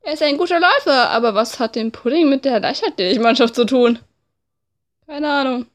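A woman with a high voice narrates a visual novel game. She reads the text expressively and drops in informal, casual asides. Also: a little fast. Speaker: let's play narrator.

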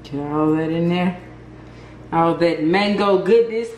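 Brief: calm, slightly low woman walking through steps, phone in a kitchen, echo and clear noise behind. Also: slow pace. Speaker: co-host doing the demo. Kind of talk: casual step-by-step demo talk. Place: home kitchen. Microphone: handheld phone camera. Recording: echoey kitchen with background noise.

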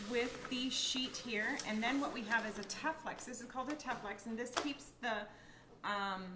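A woman's voice: fairly high pitch, noisy background. A woman guest chef walking helpers through a cooking demonstration step by step, patient and explanatory, calling them "honey". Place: home kitchen, indoors. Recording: echoey kitchen with loud background music.

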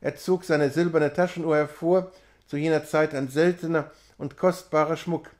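Man reading a classic novella. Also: fairly high pitch. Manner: measured, expressive literary reading. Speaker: reader.

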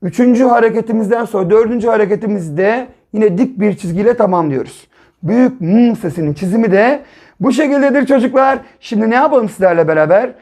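A man's voice: sits high, darkish tone. Patient male teacher sounding out syllables. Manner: slow, patient step-by-step explaining with repeated syllables and "değil mi?" checks. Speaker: primary school teacher. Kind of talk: early reading and writing lesson for children.

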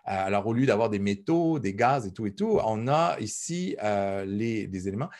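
A man's voice: on the low side, expressive, normal speed, a little mellow. A man giving a university lecture, talking in a conversational way, with many fillers and repeated words. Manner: conversational, thinks aloud. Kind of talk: recorded lecture.

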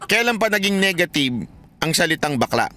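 A man's voice: sits high, big pitch swings, a little fast. A man hosting a comedic commentary show, joking, laughing often and throwing rhetorical questions at his audience. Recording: noisy background.

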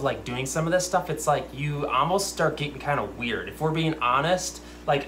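A man's voice: on the high side, fairly bright tone, slight background noise. A young man hosting an aquarium channel, chatting casually and rambling into ranty, self-aware asides while reading viewer comments. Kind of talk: casual livestream chat. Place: fish room with lit aquariums, indoors. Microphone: desk camera at close range.

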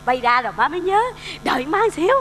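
An older woman with a Southern Vietnamese accent plays a forgetful, fussy old mother in a stage comedy sketch, flustered, scatterbrained and doting. She talks fast in a high, somewhat bright voice with lively intonation. The stage is reverberant, with faint music and slight background noise.

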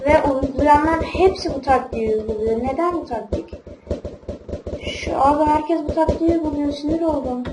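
A woman's voice: high voice, normal speed, over music. A woman giving casual let's-play commentary, grumbling and easily frustrated while talking straight to her viewers. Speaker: gaming channel host. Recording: roomy, distant mic with background noise.

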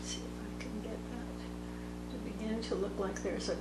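A woman teaching watercolor, thinking aloud slowly as she paints at a table. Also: mid-range voice, steady tone, heavy background noise. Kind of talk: unscripted painting tutorial narration. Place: indoor table workspace. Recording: echoey room with background music. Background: soft instrumental music.

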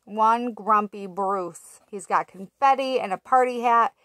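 Her voice is medium in pitch and a bit bright. She's a woman in her thirties, recorded by a webcam at arm's length in a small room, slowly sing-songing through a picture book for toddlers and asking them questions along the way.

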